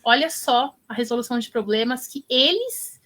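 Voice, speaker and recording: Interview guest: a woman teacher, upbeat and encouraging, with a higher voice. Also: moderate pace. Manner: animated storytelling, encouraging. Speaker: teacher and education influencer guest. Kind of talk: interview answers.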